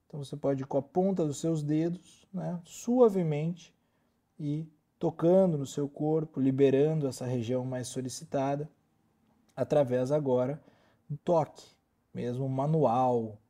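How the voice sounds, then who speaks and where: His voice is a little high and a little slow as this Brazilian-accented yoga instructor guides relaxation. The tone is calm and soothing, with gentle instruction throughout.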